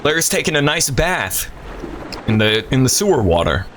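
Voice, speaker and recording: A man's voice: medium pitch, very animated, normal speed. A man streaming a horror game, chatting casually and rambling with a slightly stuffy voice. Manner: rambling, self-deprecating chatter. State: stuffy from a cold. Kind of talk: casual gameplay commentary. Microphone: desk mic through an audio interface. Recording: static from a failing audio interface. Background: game music.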